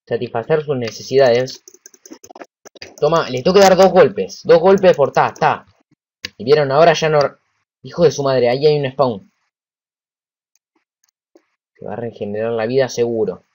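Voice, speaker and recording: A man with a Rioplatense Spanish accent gives casual let's-play commentary in an average-pitched voice. He talks excitedly to himself and to the game as he plays, and swears when frustrated. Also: dull audio. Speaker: gameplay commentator.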